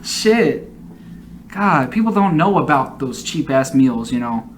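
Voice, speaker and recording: A man's voice: mid-range voice, expressive, takes it slowly, a little hiss or hum. A man giving casual, rambling, profanity-laced reaction commentary with strong opinions and an easy tendency to laugh. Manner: often breaks into laughter. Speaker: reaction video host.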